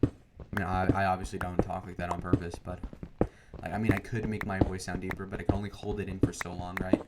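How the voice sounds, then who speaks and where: A young man making gaming videos talks fast in a deep, monotone voice, rambling over his gameplay with plenty of fillers and restarts. The meandering chatter is buried under loud background noise.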